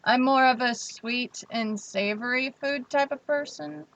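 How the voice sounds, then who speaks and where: A woman's voice: high voice, measured pace, a bit bright, no echo, low-quality recording. A young woman hosting a casual livestream, chatting freely and reading viewer comments aloud. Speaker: livestream host.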